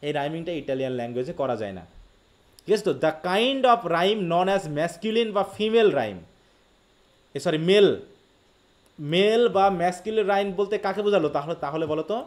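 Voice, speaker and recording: Bangladeshi guy teaching a live lit class, high-ish voice, quick explaining, slow reading, asks students stuff. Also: animated. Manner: quick Bengali explanation, slow read-aloud English quotes, frequent questions to students. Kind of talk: live online literature lecture.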